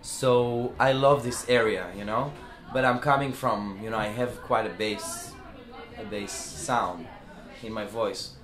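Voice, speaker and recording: This singer and band founder, a native Hebrew speaker with an Israeli accent, chats in a relaxed interview at a music club following a show. His fairly low voice is steady and a bit bright, he talks a little slowly, and the recording is reverberant. He hesitates a lot, restarting and using many fillers.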